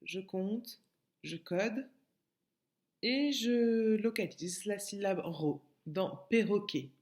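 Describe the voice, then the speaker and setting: A kindergarten teacher with a French accent leads a recorded remote lesson for young children, patiently repeating words and breaking them into syllables. Her medium-pitched voice is darkish and extremely slow, and the room echoes.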